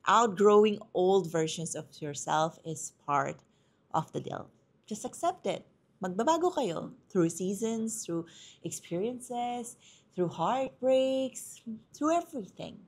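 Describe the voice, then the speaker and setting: Animated woman podcast host. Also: medium pitch, slow pace. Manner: chatty, mixing Tagalog and English, animated storytelling. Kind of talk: casual podcast monologue.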